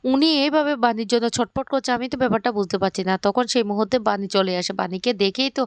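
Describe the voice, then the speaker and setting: A woman retelling a TV serial plot in a casual storytelling voice, acting out each character's lines with many pauses and fillers. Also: fairly high pitch, dry recording.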